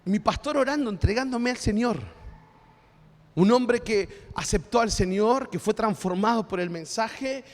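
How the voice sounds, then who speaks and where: A male pastor with an Argentine accent preaches in an easy, conversational way and keeps checking in with his listeners. His voice sits high for a man. The sound carries a long reverb from a church hall. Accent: Argentine Spanish. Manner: conversational preaching with frequent tag questions. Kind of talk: sermon.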